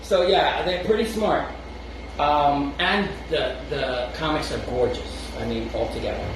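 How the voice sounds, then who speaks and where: A Brooklyn-accented man with a fairly high voice co-hosts a podcast chat show, rambling casually at a measured pace, chuckling between thoughts and often restarting. He's heard off-mic from a distance in a very echoey, noisy room.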